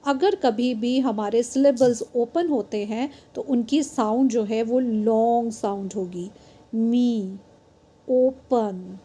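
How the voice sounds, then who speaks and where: A woman's voice: a little high, unhurried, hardly any pauses, warm tone. A woman teaching a beginners' phonics lesson, switching between Hindi and English, spelling out letters and drawing out example words.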